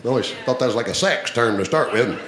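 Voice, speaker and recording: A man's voice: medium pitch, expressive, fast, echoey room, noisy background. A man from Georgia with a Southern accent, a comedian telling self-mocking hillbilly jokes and laughing through his punchlines. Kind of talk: stand-up comedy and radio interview.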